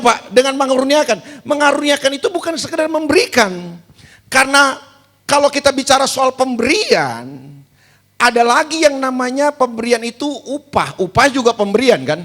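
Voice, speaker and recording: A male pastor delivers a sermon in a very high, bright, forceful voice. He asks his listeners question after question, answers them himself and hammers key words home through repetition. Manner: repeats key words with emphasis.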